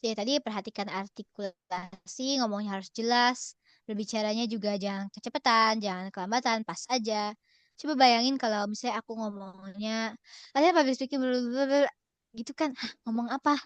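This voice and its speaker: A woman's voice: on the high side, a little fast, fairly bright tone, no echo. Cheerful young woman teaching over video call. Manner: casual, cheerful, mixes in English phrases, laughs often. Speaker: workshop presenter. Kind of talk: online workshop talk. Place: relative's home.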